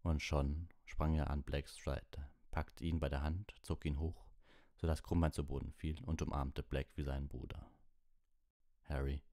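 A man reading an audiobook in a steady, measured narration. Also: a bass voice, no room sound, studio quality. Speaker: audiobook reader.

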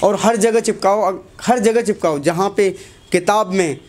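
A man's voice: sits high, normal speed, a little mellow. A young man, a teacher giving a motivational talk to students in a classroom, asking the class short questions and repeating key lines.

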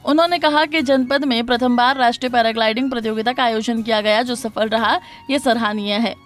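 A woman reading a scripted Hindi news report as voice-over narrator in a formal, even tone. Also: fairly high pitch, a little fast. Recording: voice-over with faint music behind.

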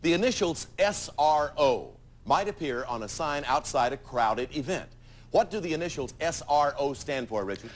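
A man hosting a TV game show, bantering playfully with contestants and reading questions briskly in a studio. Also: a little high, animated.

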